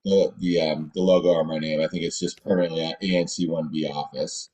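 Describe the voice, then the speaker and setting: A man's voice: very deep voice, flat delivery, fairly quick, darkish tone. A man on a video call whose audio echoes as if in a tunnel, talking in a hesitant, apologetic way. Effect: echoing tunnel-like reverb on his audio. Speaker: neighborhood commission meeting participant. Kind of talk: casual meeting chat. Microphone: video call, off camera.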